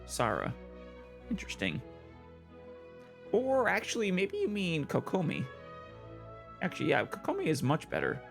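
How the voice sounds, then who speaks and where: A man casually commenting on his own playthrough, pausing to think aloud with plenty of fillers. His voice is gravelly and swoops widely in pitch. Soft game music plays under him. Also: wildly swooping pitch. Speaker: let's play host.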